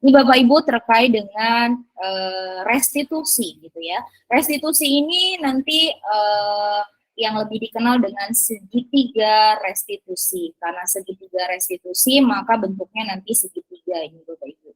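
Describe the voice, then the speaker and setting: Woman teacher, fairly high voice, halting delivery full of fillers, addressing colleagues. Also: expressive, rough recording. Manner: hesitant, many fillers and tag questions. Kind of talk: presentation to fellow teachers.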